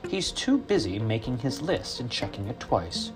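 Man putting on a strict elf, bossy, scolding, animated, raised voice, music underneath. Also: mid-range voice, normal speed, close to an everyday voice. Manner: scolding, emphatic. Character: bossy strict little male elf guard.

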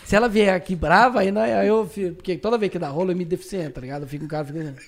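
A man telling profane, slang-heavy anecdotes as a streamer guest in a casual podcast chat, with sudden shouted outbursts. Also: high voice, very fast.

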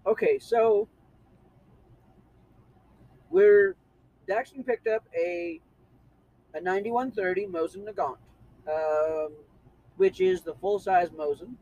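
Matter-of-fact male co-host, slightly high voice. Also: slow pace, long pauses, darkish tone, muffled recording. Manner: matter-of-fact, explains details. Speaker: podcast co-host. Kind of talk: casual chat.

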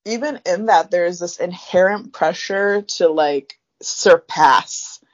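A woman's voice: lowish voice, slow pace, highs cut off. A young woman from Africa co-hosting a podcast, talking through her thoughts in a reflective way with plenty of fillers. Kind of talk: casual chat.

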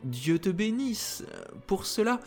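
A frail old beggar nun out of a storybook, whining and pleading in a voice pitched far up, as a male reader puts her on. Her lines swoop and sag in a lively way, spoken slowly. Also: soft background music, full character voice. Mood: coaxing. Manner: whining, lamenting. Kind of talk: storybook reading.

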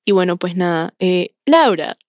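A woman co-hosting a casual podcast, talking with many pauses and fillers and slipping into English phrases. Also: mid-range voice, steady tone, a little mellow, no echo. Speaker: podcast co-host.

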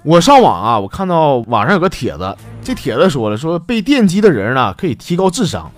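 A man's voice: a little high, very animated, brisk, faint music behind. A man with a Northeastern Mandarin accent hosting a comedy show, telling jokes in a chatty, folksy way. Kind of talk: storytelling joke monologue.

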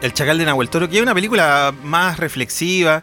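Bright-voiced Chilean man telling stories. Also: on the high side, fast talker, faint music behind. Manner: animated storyteller, acts out characters' lines. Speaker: podcast co-host. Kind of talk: casual chat about films.

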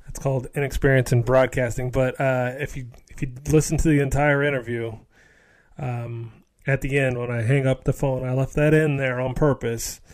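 A man hosting a casual podcast as a beginner, speaking in a halting, self-deprecating way with frequent restarts. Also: mid-range voice, steady tone, a little mellow, dry recording. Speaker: novice podcast host.

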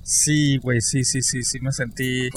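A man with a Mexican accent, chatting casually as a podcast co-host, slangy and animated, laughing often. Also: medium pitch, unhurried, a little hiss or hum. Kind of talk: casual chat.

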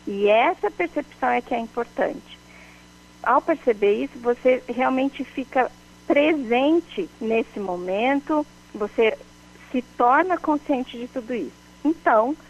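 A woman, a guest expert explaining how to handle emotions in a measured way, often checking in with the host by name. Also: on the high side, muffled recording. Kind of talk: calm explanatory advice.

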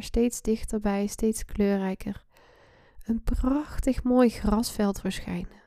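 Soft, whispery woman guiding meditation, very slow. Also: on the high side, no room sound, clean studio sound. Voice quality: soft, breathy, often slipping into a whisper. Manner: soothing, hushed spa-like delivery with pauses. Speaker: guided meditation podcast host. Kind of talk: slow guided relaxation meditation.

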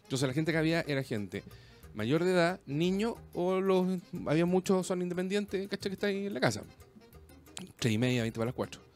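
A Chilean man with a slightly high voice tells a story to a friend in loose, rambling casual chat, thick with slang. Faint music plays underneath. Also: lively intonation, fairly quick.

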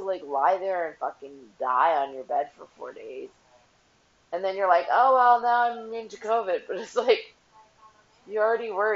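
A woman and mother ranting casually to camera, blunt and profane, rambling with lots of "like". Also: on the low side. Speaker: vlogger, mother. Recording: dull lo-fi audio.

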